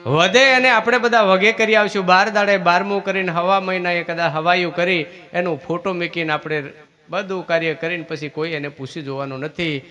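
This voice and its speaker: A man's voice: high-pitched, fairly even intonation, moderate pace, bright, forceful tone, faint music behind. A man giving a village sermon, asking his listeners questions and teaching. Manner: preachy, asks listeners questions. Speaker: religious teacher. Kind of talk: village sermon with devotional singing.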